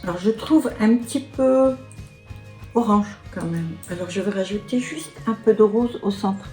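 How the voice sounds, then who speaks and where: A beauty vlogger in her sixties chats casually through a makeup tutorial and product review, sprinkling in little asides and fillers like "hein" and "voilà." Her mid-range voice is warm and measured, with soft background music.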